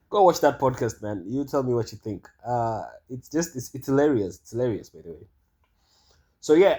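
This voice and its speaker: A man's voice: mid-range voice, darkish tone. A man giving casual monologue commentary, rambling and hesitant with many fillers and restarts. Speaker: vlogger.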